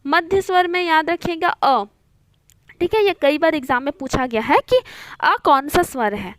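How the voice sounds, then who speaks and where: A young woman with a high voice gives an online Hindi grammar lesson at a normal speed, recorded close and dry with no echo. Patient and classroom-steady, she repeats her points, mixes English words into her Hindi, and keeps checking in with listeners through frequent "theek hai."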